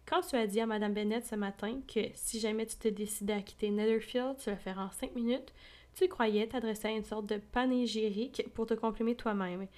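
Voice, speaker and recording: Woman reading a cold stuffy gentleman from an old novel, measured and reproachful, voice sits a bit high. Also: fairly even intonation, natural voice. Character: stiff, cold young gentleman lecturing his friend.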